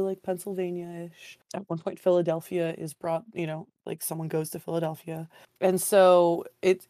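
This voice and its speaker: A woman hoarse from a cold hosts a casual book podcast. Her voice sits a little low and she rambles eagerly. The recording is close and dry. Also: darkish tone, dry recording. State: hoarse, getting over a cold. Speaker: podcast co-host.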